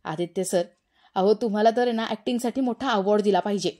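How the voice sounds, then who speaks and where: A woman's voice: medium pitch, fast, warm tone, lightly acted. A woman reading the part of a young village woman, earnest and respectful, trusting the man she addresses. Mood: teasing.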